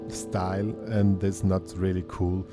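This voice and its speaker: Speaking in a low, monotone voice and a little slowly, a male guitar teacher runs a laid-back lesson. He rambles chattily, pokes fun at himself, and keeps restarting with ums as guitar blares loudly behind him.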